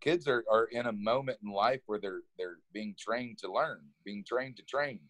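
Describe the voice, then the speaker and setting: Over a video call picked up by his webcam, an environmental educator from Kansas, a deep-voiced man in his thirties, relaxes into telling his story at normal speed, often laughing and repeating words at the start. The interview recording is dry.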